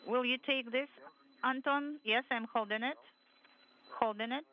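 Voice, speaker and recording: A woman interpreting live for a working crew, her words coming through a crackly space-to-ground radio transmission in short, halting phrases. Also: fairly high pitch, fairly even intonation. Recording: muffled lo-fi radio link with faint hiss.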